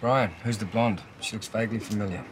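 An actor playing a crude, sarcastic talking dog who is needy and blunt, with deadpan needling in a TV comedy-drama. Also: male voice, on the low side, fast talker, slight background noise, lightly acted, low-quality recording. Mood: possessive.

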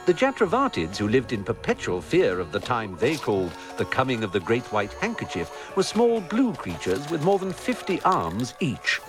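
An actor as an erudite guide narrator, reading scripted comic narration in a dry, articulate way. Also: male voice, medium pitch, huge pitch swings, normal speed, few pauses, distant mic, faint music behind. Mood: dryly amused.

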